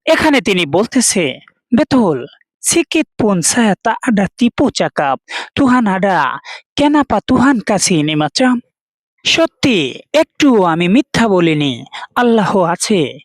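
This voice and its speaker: Slow, patient woman teacher. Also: mid-range voice, sing-song, no echo. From Bangladesh. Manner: patient, repeats words and explains them one by one. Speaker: language teacher. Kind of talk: slow explanatory lesson.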